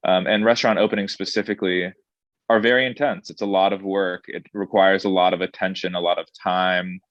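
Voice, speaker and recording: Low-voiced man speaking thoughtfully. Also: level tone, fairly bright tone, no echo, muffled recording. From born in Saudi Arabia, grew up in Indonesia. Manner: thoughtful, measured, with frequent ums and restarts. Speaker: restaurant director. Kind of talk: interview answers.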